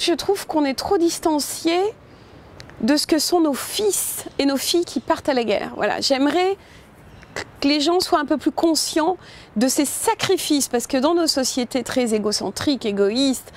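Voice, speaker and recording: A film director with a high voice talks about her film in an interview. She is thoughtful and informal, hesitating and restarting often, and addresses the listener with "tu vois."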